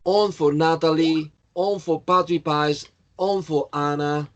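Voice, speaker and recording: A man's voice: on the high side, fairly even intonation, measured pace. A man teaching an English class, going through answers and correcting students by name in a patient way. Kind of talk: online class, checking answers.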